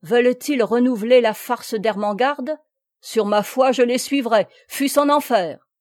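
A woman voicing a furious, vengeful male knight who shouts his threats. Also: on the high side, unhurried, dry recording, studio quality, pitched above the performer's own voice, lightly acted. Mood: raging. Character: raging middle-aged male knight, vengeful.

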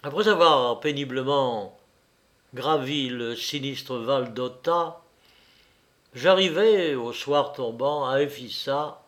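A man narrating a literary story in a measured reading voice. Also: medium pitch, fairly bright tone.

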